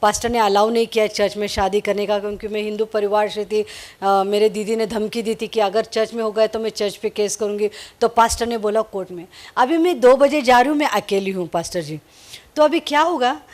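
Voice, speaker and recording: A woman's voice: medium pitch, brisk. A woman pastor, preaching a sermon and telling her own testimony in a storytelling way. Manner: storytelling, switching into Marathi for quoted speech.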